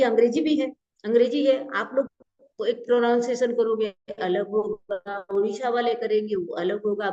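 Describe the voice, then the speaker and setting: A woman's voice: fairly high pitch, a little mellow, dull audio. A woman teaching a grammar class, explaining patiently and often checking that students follow. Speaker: Prakrit teacher. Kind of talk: online class lecture.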